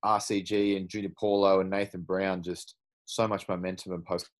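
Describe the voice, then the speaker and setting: A man's voice: deep voice, little pitch movement, normal speed. A man co-hosting a sports talk show, giving easygoing analysis.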